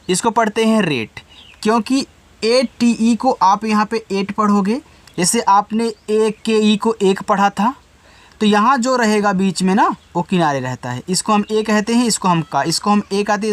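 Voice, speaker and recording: Patient man spelling out words slowly. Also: high-pitched, no echo. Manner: addresses the student directly. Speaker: teacher. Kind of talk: spelling and reading lesson for beginners.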